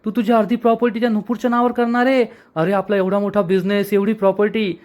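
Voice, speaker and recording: A man's voice: high-pitched, flat delivery, fast talker, a little mellow, pitched above the performer's own voice, natural voice. A man reading the lines of a proud, scornful wealthy sister in a soap recap. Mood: angry.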